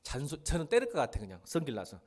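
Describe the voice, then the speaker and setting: Middle-aged male pastor, sermon, animated delivery, bit high voice, loud bursts and low asides. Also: fast. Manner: lively preaching, acting out quoted voices, rising to loud emphasis and dropping low.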